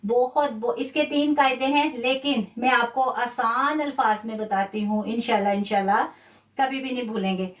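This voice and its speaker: A woman's voice: on the high side, steady tone, normal speed, reverberant, far from the mic. A woman with a Pakistani Urdu accent, patiently teaching a live online Quran recitation lesson, repeating key points and praising her students' answers.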